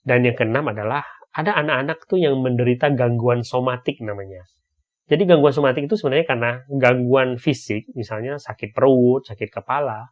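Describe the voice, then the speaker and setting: A man's voice: medium pitch, a little fast, highs cut off. A man giving a casual, conversational explanatory talk, often checking in with tag questions.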